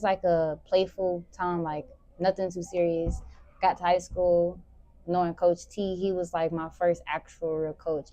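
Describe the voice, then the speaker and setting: A teenage girl, a high school sprinter answering interview questions in a relaxed, rambling way. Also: no echo. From Memphis, Tennessee. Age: teens. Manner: relaxed, rambling, many "like" fillers.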